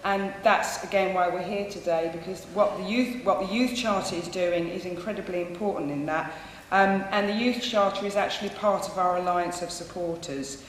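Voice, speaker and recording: At a public event, a woman campaign speaker gives a persuasive talk with a lowish, fairly even voice, sounding earnest and pausing on many ums. She projects, saying herself that she has a loud voice. A big hall adds a long, heavy echo, along with a light, faint hiss.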